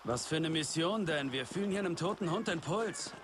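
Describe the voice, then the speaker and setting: An actor playing a cocky, joking young special forces sergeant in a video game, brash and mock-formal. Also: male voice, fairly high pitch, expressive, brisk. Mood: cocky, teasing. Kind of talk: dramatic video game acting. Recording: loud wind and game ambience.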